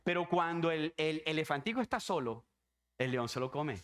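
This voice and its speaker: A man's voice: fairly high pitch, animated, normal speed, fairly bright tone, clear, resonant tone. A man preaching a sermon as pastor, emphatic and repetitive, driving home his points with rhetorical questions.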